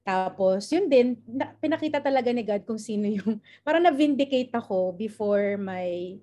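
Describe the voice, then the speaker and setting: A woman with a Filipino accent shares a brief personal story over a video call. Her tone is warm and mellow, and she speaks softly, letting her phrases fade out. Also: fairly high pitch, animated, moderate pace. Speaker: participant. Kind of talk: casual testimony sharing.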